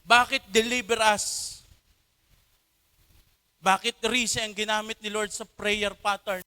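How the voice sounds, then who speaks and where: A man's voice: high voice, steady tone, takes it slowly, bright, forceful tone, smooth. A man preaching a sermon at a church service, impassioned and mixing Tagalog with English, with emphatic swells. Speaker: pastor.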